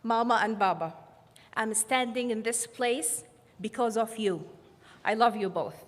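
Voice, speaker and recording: A woman from giving an earnest, measured graduation speech on behalf of her class. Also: on the high side. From Saudi Arabia. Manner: earnest, measured, slightly halting delivery. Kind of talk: formal commencement speech. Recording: long hall reverb.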